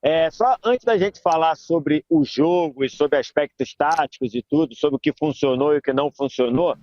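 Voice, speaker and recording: High-voiced man telling a reflective story. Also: normal speed, darkish tone, no echo, dull audio. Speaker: reporter at the stadium. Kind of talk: debate panel commentary.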